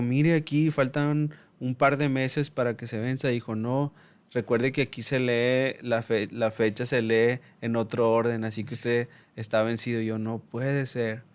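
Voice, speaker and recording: Hombre joven mexicano, voz nítida. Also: male voice, medium pitch, clear, resonant tone. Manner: animated storyteller acting out dialogue. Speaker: podcast co-host. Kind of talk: casual storytelling.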